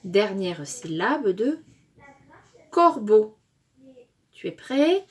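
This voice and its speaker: A woman's voice: medium pitch, very animated, darkish tone. A woman with a French accent teaching a phonics lesson to young children, stretching out syllables and praising often. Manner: drawn-out syllables, encouraging praise.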